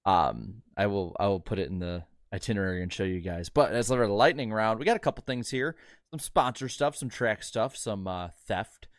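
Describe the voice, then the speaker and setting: A man's voice: on the low side, expressive, brisk, dry recording, studio quality. A man co-hosting a motorsport podcast, reading news items in a loose, joking way with lots of fillers. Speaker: podcast co-host. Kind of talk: casual podcast chat.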